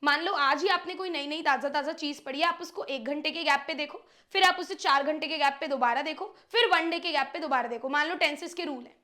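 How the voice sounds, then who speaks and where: A woman's voice: sits high, fairly quick, hardly any pauses, sharp tone. A young woman teacher giving students study tips, talking straight to them and acting out their questions.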